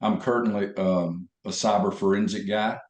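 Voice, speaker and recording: A man's voice: on the low side, fairly even intonation, normal speed. A man with a Southern accent from Alabama, casually introducing himself to a group. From Alabama, USA. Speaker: meeting participant introducing himself. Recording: roomy echo.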